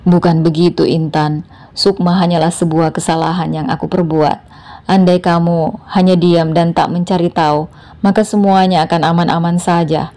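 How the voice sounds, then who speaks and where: A woman voicing a selfish male ex-husband in a narrated story; she keeps a low, mellow voice, first pleading and then accusing. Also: level tone, moderate pace, close to an everyday voice. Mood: pleading, defensive.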